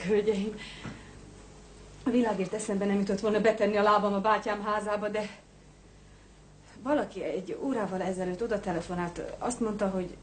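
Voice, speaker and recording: Woman dubbing defiant sister under suspicion, agitated, mid-pitched, dubbed film drama. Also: slight background noise, close to an everyday voice. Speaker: dubbing actor.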